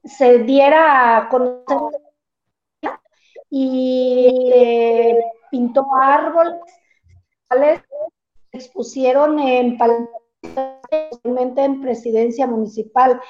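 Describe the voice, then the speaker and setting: A woman's voice: sits high, fairly even intonation, faint music behind. Woman on glitching, cutting-out call audio. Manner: halting, pausing with fillers. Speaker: interview guest, art teacher. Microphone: video call. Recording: dull lo-fi video call sound.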